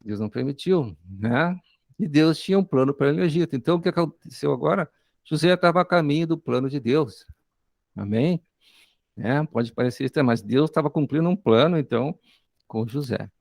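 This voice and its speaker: Very gravelly Brazilian male preacher. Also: fairly high pitch, animated, a little mellow, no room sound, clean studio sound. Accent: Brazilian Portuguese. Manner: tags nearly every phrase with "né?" and "amém?"; reads scripture aloud and then explains it slowly. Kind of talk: sermon.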